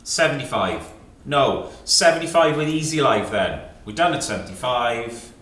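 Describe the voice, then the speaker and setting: Male British fine art auctioneer, clipped bid-calling patter, mid-pitched, recorded at a distance in an echoey sale room. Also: expressive, moderate pace, fairly bright tone. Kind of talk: live auction calling, reeling off rising bids.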